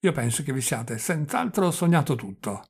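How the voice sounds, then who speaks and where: A man's voice: expressive, normal speed, husky. A man reading the part of an impatient young nephew who presses an old man with questions, in an audiobook. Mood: pressing. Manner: quieter, lower than the narration, pressing questions.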